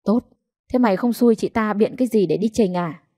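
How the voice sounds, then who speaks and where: A woman's voice: medium pitch, fairly quick, warm tone, natural voice. Lady putting on a cranky old clerk guy, snapping and barking at people. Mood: interrogating. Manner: gruff, barking orders. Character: irritable greedy old male village clerk.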